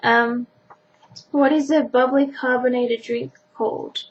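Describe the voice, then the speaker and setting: A sixteen-year-old Australian girl chats casually to camera while answering a questionnaire for her vlog, keeping things informal and self-deprecating. Her voice is fairly high with a steady tone, and she takes it slowly. The sound is dull and lo-fi with faint background noise.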